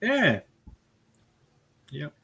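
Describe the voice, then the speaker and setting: An Australian man hosting a casual live-stream chat, rambling and chatty, often speeding up in quick bursts. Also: a little high, huge pitch swings, gravelly, pushed and bright, slight background noise. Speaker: host.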